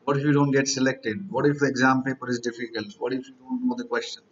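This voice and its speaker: A man's voice: mid-range voice, steady tone, fast talker, creaky, muffled recording. A man, teaching exam candidates in a motivational lecture, stacking up rhetorical questions and repeated lists.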